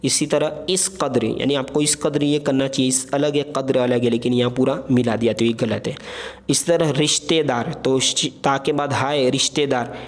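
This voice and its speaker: A man's voice: mid-range voice, steady tone, moderate pace. A man teaching an Urdu spelling lesson, patiently going over each word and checking in with his listeners. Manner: patient, repeats words and checks with "theek hai".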